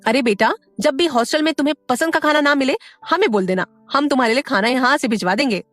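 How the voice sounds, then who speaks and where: A woman's voice: high voice, fast, a bit bright, dry recording, soft background music, voice pushed up. A woman voicing a kindly elderly grandmother speaking in a doting way.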